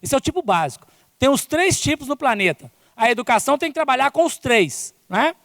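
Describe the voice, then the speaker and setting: Speaking at a brisk clip in an extremely high, very animated voice with a fairly bright tone, this Brazilian-accented man gives a spiritist conference lecture. He keeps adding "né?" and "não é?" to his sentences. The studio-quality recording carries the long reverb of a large conference hall.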